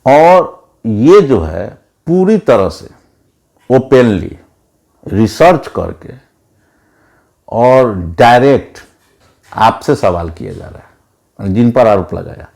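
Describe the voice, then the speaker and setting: A man's voice: mid-range voice, very animated, slow pace, gravelly, long pauses, darkish tone. A man giving an opinionated monologue as a political commentator, emphatic and lecturing, repeating words for stress.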